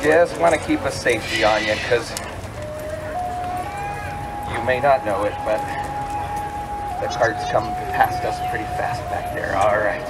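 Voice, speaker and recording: A man's voice: on the low side, unhurried, pauses often, heavy background noise. A man presenting a live educational bird show outdoors, speaking as a showman to an audience, with casual asides.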